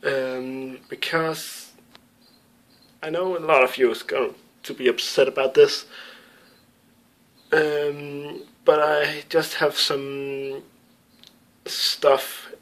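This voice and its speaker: This young Danish YouTube gamer answers viewer questions in a casual home webcam vlog, recorded indoors in a small room. His fairly high, slightly bright voice is flat, drawing out words and pausing often, and his Danish-accented English, a second language, is hesitant, with lots of ums and restarts.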